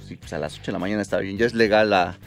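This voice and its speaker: A man's voice: low-pitched, fairly even intonation, very fast, gravelly, faint music behind. A man with a Mexican accent hosting a live radio show in a casual, chatty style. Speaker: radio host.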